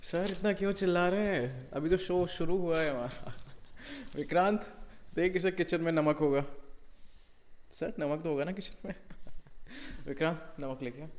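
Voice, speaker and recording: A man voicing a loyal, ruthless bodyguard in an audio role-play drama, cold and taunting toward a captive and soft and reassuring with the woman he protects. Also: on the high side, moderate pace, long pauses, close to an everyday voice. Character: loyal, ruthless male bodyguard, tender with his client.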